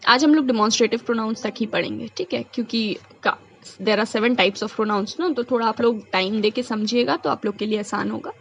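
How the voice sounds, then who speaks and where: A woman's voice: on the high side, gravelly, fairly bright tone, slight background noise, low-quality recording. A woman teacher, working through a grammar lesson step by step and answering her own questions. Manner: reads English sentences slowly, explains in quick Hindi.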